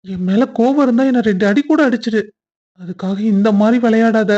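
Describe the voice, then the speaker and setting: A performer voicing a young husband in a cartoon story, earnest and quick to scold. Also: medium pitch, mellow, lo-fi sound, natural voice. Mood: tender. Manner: stern then tender, scolding. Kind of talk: cartoon voice acting.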